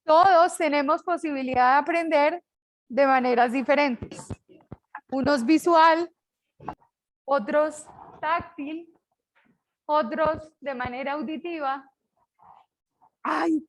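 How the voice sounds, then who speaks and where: An older woman from Colombia with a Colombian accent, teaching a class with a lively, joking manner. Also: high-pitched, takes it slowly, pauses often, slight background noise, rough recording. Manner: lively, jokes with students. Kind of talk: online class lecture.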